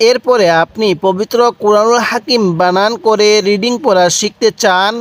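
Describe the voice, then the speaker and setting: A man teaching Quran recitation, spelling out syllables slowly and patiently for learners to repeat. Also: high-pitched, no room sound. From Bangladesh. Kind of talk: slow spelled-out recitation lesson.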